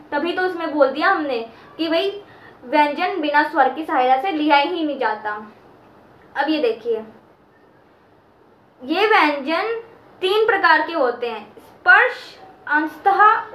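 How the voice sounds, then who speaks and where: Teacher, female, very high bright voice, slow and patient delivery, echoey room. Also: expressive. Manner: repeats key terms and draws out chanted sounds. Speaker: Sanskrit teacher. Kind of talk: slow explanatory lesson.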